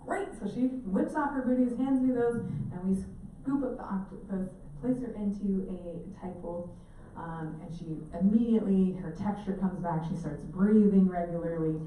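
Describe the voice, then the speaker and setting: A woman giving a talk to a live audience, telling animated stories and acting out the voices in them. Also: mid-range voice, normal speed, phone-quality sound, a little hiss or hum. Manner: animated, acts out quotes with laughter. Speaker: presenter giving an octopus talk. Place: indoor event space with audience. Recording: echoey room, mic from a distance, faint ambience.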